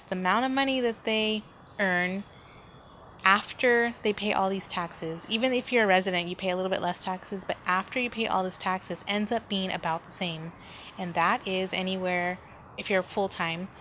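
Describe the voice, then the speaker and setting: This solo podcast host, a woman, chats casually and rambles as she works through her thoughts aloud. She has a mid-range, slightly bright voice. The home recording picks up ambient room sound and noise from the nearby street.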